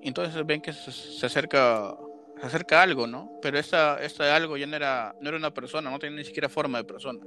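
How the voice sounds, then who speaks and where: Bright-voiced man retelling a film. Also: on the high side, very fast, hardly any pauses, faint music behind. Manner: animated retelling with sound effects and filler words. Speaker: podcast co-host recapping a film. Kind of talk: casual chat.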